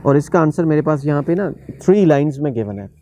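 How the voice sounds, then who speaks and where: A man's voice: fairly high pitch, animated, fairly quick, warm tone, a little hiss or hum. A man from Pakistan, teaching spoken English in a casual lesson that mixes Urdu and English, listing points one by one with many fillers. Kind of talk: online language lesson. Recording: dull, muffled recording.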